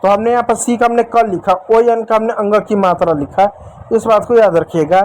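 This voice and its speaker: High-voiced man teaching English spelling. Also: fairly even intonation, normal speed, a little mellow, slight background noise, low-quality recording. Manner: repetitive, asks and answers own questions; addresses viewers as dear children. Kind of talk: whiteboard spelling lesson.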